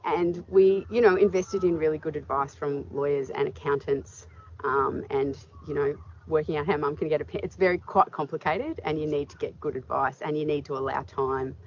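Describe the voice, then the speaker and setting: A middle-aged woman farmer with a low, darkish voice answers interview questions at normal speed, outdoors in an open paddock. She's thoughtful and uses many fillers, and the dull audio carries clear background noise.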